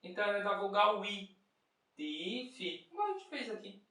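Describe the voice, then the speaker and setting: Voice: mid-range voice, sing-song, fast, pushed and bright. A music teacher, patiently explaining rhythm step by step, asking and answering their own questions and chanting rhythm syllables. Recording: very echoey room, mic far off.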